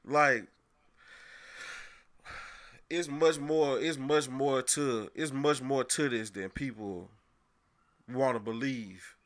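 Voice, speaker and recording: A man's voice: medium pitch, takes it slowly, long pauses. A man co-hosting a podcast in casual chat, talking emphatically and laughing often. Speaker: podcast co-host.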